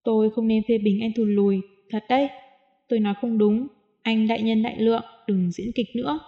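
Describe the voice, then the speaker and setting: A woman's voice: a little high, fairly even intonation, brisk, lo-fi sound, close to an everyday voice. A woman reading as a wary, exasperated young woman. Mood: mock-contrite.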